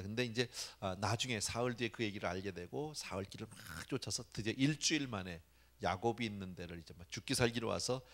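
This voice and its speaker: A man's voice: low voice, fairly bright tone. A male pastor giving a conversational sermon at a church prayer meeting, often dropping "yes" between phrases.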